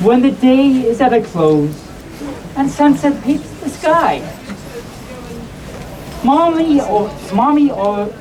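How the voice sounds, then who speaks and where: A woman with a high, lively voice reads comic bedtime stories slowly, with long pauses, to a live audience in a hotel convention room. Playful, she often breaks off for chatty asides. The mic is distant, and a noisy crowd surrounds her.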